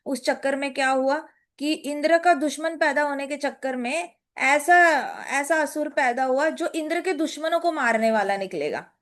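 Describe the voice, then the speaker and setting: A woman's voice: high voice, moderate pace, fairly bright tone. A woman telling a scripture story in a casual, playful way, slipping in English phrases.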